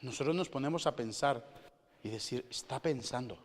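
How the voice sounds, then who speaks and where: A male pastor preaching a lively sermon to his congregation, full of rhetorical questions, moving between loud exclamations and hushed asides. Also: medium pitch, moderate pace, a little hiss or hum. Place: church hall. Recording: long church-hall reverb.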